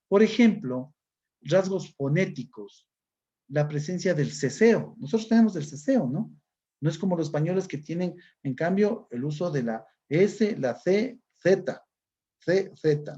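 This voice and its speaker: A male teacher from Ecuador, speaking with an Ecuadorian accent in a fairly high but dark, mellow voice. He explains patiently and keeps checking in with his listeners. The recording is dull and muffled. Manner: explanatory, often adds "¿no es cierto?". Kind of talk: recorded class lesson.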